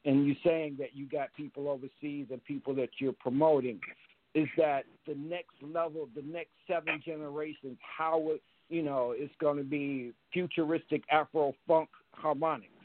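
A man's voice: a little high, fairly even intonation, normal speed. A man calling in, talking earnestly and repeating words as he restarts his sentences. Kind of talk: earnest call-in commentary. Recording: tinny phone-like line, dry.

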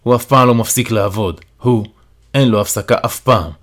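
A man reads a dark first-person story aloud at a middle pitch, calm and steady. He narrates with an even, unhurried delivery suited to an audiobook. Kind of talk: first-person dramatic reading.

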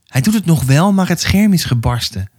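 A man reading a children's book aloud, voicing a twelve-year-old boy who bakes, sulky and brisk, in a gruff, hurried voice. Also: on the high side, lively intonation, darkish tone, voice pushed up. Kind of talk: audiobook reading for a podcast.

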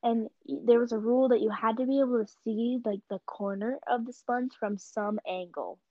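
A teenage girl chatting casually and telling stories with lively gasps and laughs. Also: fairly high pitch, normal speed, no echo. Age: teens. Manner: animated storytelling with gasps. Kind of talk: casual chat. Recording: dull lo-fi mic.

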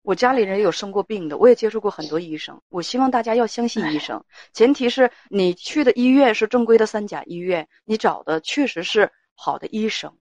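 Brief: female call-in host, firm and lecturing, mid-pitched, close dry mic. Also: brisk, hardly any pauses, darkish tone, no echo. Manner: firm, lecturing with rhetorical questions. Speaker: advice show host. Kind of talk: call-in advice talk.

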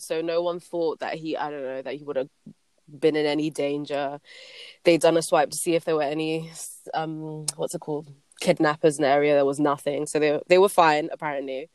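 Female podcast co-host, rambling storyteller, low-ish and smooth. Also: steady tone, brisk, no room sound. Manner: chatty, laughs often, loses her place. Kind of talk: casual storytelling chat.

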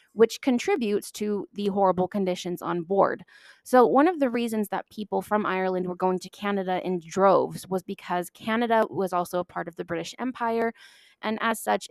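A woman's voice: mid-range voice, dry recording. A woman hosting a history podcast, narrating from a script in an emphatic way, leaning hard on key words. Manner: emphatic, stresses key words, self-deprecating asides.

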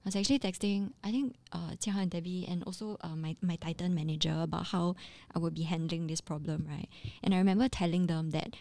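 Calm low-voiced woman. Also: fast, few pauses, no room sound. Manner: calm, even-toned storyteller. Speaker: podcast co-host. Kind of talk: casual chat.

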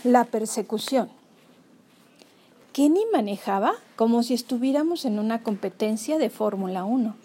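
Woman reading a kids novel out loud, expressive, kinda high and husky voice. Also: moderate pace. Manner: expressive, acts out dialogue. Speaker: reader. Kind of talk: reading a children's novel aloud.

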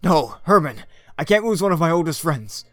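A man's voice: fairly high pitch, big pitch swings, normal speed, a bit bright, no echo, faint music behind. A man playing a bombastic, patriotic space captain with earnest, overblown heroics. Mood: commanding. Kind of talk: comedy audio drama acting.

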